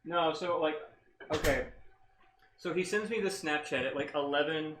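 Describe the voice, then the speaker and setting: A young man telling a long story in casual chat, rambling and animated with lots of filler words. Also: a little high, normal speed, echoey room, a little hiss or hum. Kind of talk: casual storytelling while working on a car. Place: garage.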